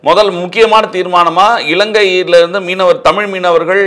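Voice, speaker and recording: A man's voice: high-pitched, steady tone, normal speed, bright, forceful tone. A man interviewing a political guest, cutting in with counterpoints and frequent false starts.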